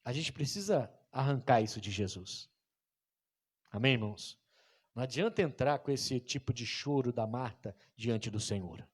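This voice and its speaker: A male pastor preaching a sermon in an animated way, acting out scenes and calling for amens from the congregation. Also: mid-range voice, normal speed, slightly rough.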